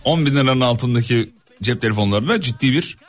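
A man's voice: medium pitch, a little fast, loud music behind the voice. A man hosting a radio show, bantering and joking with his co-hosts in the studio. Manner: teasing, laughing, jokey. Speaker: radio host. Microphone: studio microphone.

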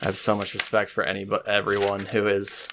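This young man, a podcast host and game master, has a fairly low voice with a completely flat delivery and talks a little fast. He rambles through casual, enthusiastic chat full of fillers.

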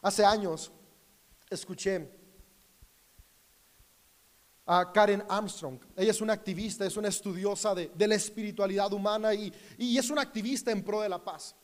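A man's voice: high-pitched, moderate pace, long pauses, big-room sound. A man who is a father of school-age daughters, preaching an earnest sermon to a camera and telling a story about his own family. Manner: earnest, storytelling with quoted dialogue. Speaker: pastor.

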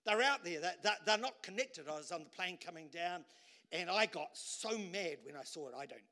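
A pastor with a high, bright, ringing voice preaches an animated sermon at normal speed. He moves between loud, shouted bursts and quiet, low asides, often repeating words to hammer home a point.

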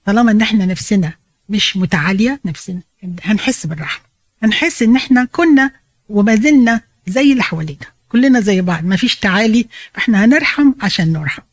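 A woman with an Egyptian Arabic accent teaches a Bible lesson at a quick clip, her explanations chatty and peppered with English phrases. The recording is dry and close, with no room sound. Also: medium pitch, animated, no echo.

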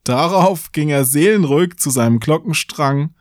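A man's voice: a little high, normal speed, no echo, studio quality. A man hosting a podcast, reading a fairy tale aloud with playful asides. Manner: playful, self-interrupting. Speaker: podcast host.

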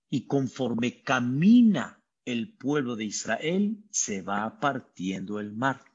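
A man with a Mexican accent giving a sermon as a rabbi, telling the story dramatically and acting out the people's voices with high cries. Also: slightly rough. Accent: Mexican Spanish. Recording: dull lo-fi recording.

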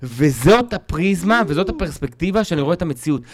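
A man's voice: on the high side, dry recording. A man who is a stand-up comedian, telling stories in a casual podcast chat and acting out the voices he quotes. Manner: animated storyteller, acts out quoted voices.

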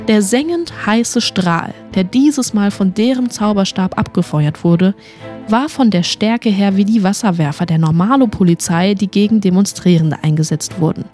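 A woman narrating a fantasy story in an expressive audiobook reading. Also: medium pitch.

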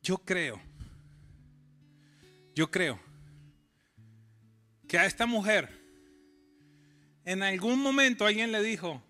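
A man preaching a sermon with a high, bright voice. He pleads through rising questions and slips into quick, conversational storytelling. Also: animated, soft background music. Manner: tells stories in a quick conversational voice. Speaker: pastor.

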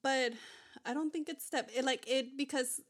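Rambling young woman, slightly high voice. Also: fairly even intonation, normal speed. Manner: rambling, lots of fillers and restarts. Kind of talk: casual chat.

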